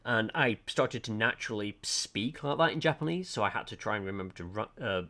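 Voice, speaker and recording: This chatty Lancashire man, an art livestreamer from Lancashire, England, rambles to his stream viewers over a desk mic with the webcam off. His lowish voice is animated, fairly quick, bright and forceful, and his talk is self-deprecating and hesitant, peppered with ums.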